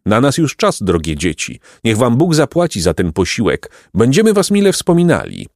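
A man voicing a gentle, devout old mother in a storybook reading. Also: medium pitch, huge pitch swings, moderate pace, no echo, clean studio sound. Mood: grateful. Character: old pious grateful mother.

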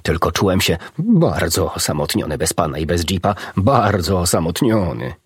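A man voicing an old, lame, hard-of-hearing horse in a storybook reading, slow and plaintive. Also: deep voice, very animated, breathy edge, no echo, clean studio sound, full character voice. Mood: lonely.

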